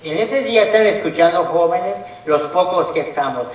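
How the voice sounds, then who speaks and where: High-voiced preacher man in an echoey room. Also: animated, normal speed, recorded from a distance. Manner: emphatic, asks the congregation questions. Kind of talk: sermon. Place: meeting room of a Bible study group.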